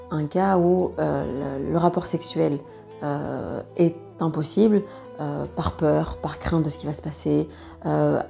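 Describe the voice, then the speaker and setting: Low-pitched female sexologist, gravelly edge. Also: mellow. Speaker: sexologist presenting a video. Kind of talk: educational explainer to viewers.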